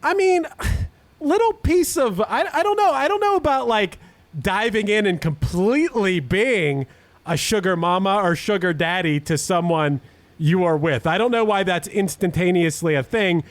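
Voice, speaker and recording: A man's voice: high-pitched, moderate pace, dry recording. A man hosting a casual music podcast, talking animatedly and laughing often. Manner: animated, laughing often, reads song lyrics aloud. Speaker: podcast host.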